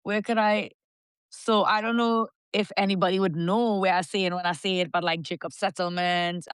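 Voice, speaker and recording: Young woman, trinidadian accent softened toward american, casual interview guest, relaxed, smooth voice, dry room. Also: medium pitch, normal speed, no echo. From South Trinidad. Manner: relaxed and laughing, with frequent fillers like "like". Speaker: soca singer, guest.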